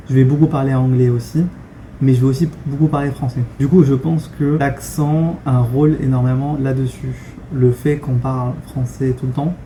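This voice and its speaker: In this casual vlog, a young man from France addresses the camera conversationally and candidly, often stalling on fillers and starting over. The voice is medium in pitch, very dark and mellow, and fairly flat in intonation, with faint ambient hum underneath.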